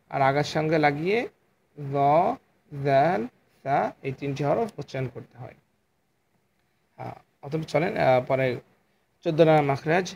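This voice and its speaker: A male Quran teacher with a fairly high voice gives a patient lesson on letter sounds, drawing each one out and repeating it. He speaks into a phone, and a faint hiss sits under his voice. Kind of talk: online lesson on letter articulation.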